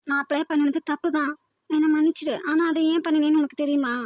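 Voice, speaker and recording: Cartoon drama: a woman playing a hurt, devoted young woman, high and flat, pleading, dry close sound. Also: fast, no echo, lightly acted. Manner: pleading, emotional, insistent. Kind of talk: animated drama voice acting.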